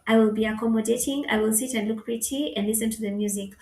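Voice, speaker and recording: A woman's voice: on the high side, fairly even intonation, fast talker, darkish tone, echoey room. A woman in her thirties with a Kenyan accent, hosting her own podcast in a chatty, playful solo talk with joking asides. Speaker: podcast host. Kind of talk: casual solo podcast chat.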